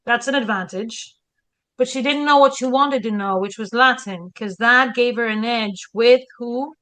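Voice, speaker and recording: This Spanish-accented woman from Spain is a historian and podcast co-host, chatting casually at a moderate pace in a fairly high voice. Her stories come alive through rhetorical questions and quotes she performs.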